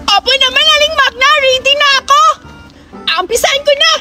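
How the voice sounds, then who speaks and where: Brief: male performer as a very high-pitched, whiny, bragging little girl in a comedy skit, loud music under. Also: brisk. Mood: boastful. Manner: whiny, boastful and tattling.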